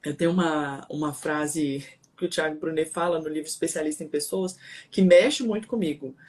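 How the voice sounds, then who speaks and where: A woman's voice: low-pitched, moderate pace, darkish tone. Emphatic preachy Brazilian woman. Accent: Brazilian Portuguese. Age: adult, married. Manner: preachy, emphatic, fires rhetorical questions. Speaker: co-host.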